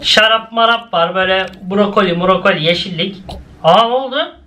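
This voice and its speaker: Young male reactor, very high, sharp voice; excitable, jumpy commentary. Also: moderate pace. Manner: exclaiming, laughing, swings between high and low. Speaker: YouTuber reacting to cartoons.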